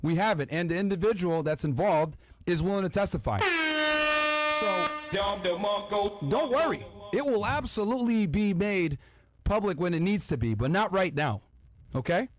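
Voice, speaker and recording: A man's voice: high-pitched, lively intonation, a little fast, a crowd in the background. A man hosting a podcast, commenting on video clips and speaking emphatically and directly to his viewers. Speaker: podcast host.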